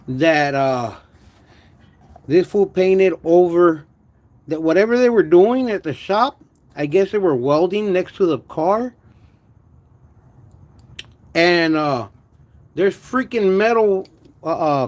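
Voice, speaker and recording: A man's voice: fairly high pitch, darkish tone. Lisping man missing his front teeth. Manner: halting, stammered repetitions with pauses to manage saliva; slangy, uses "homie" and "dog", drops in Spanish words. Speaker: car project vlogger. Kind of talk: casual livestream chat about car work.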